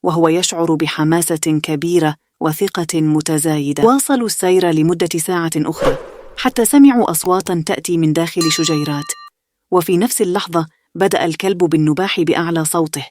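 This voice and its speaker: A woman narrating a bedtime story in a steady, soothing way. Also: sits low, quick pace, slight background noise.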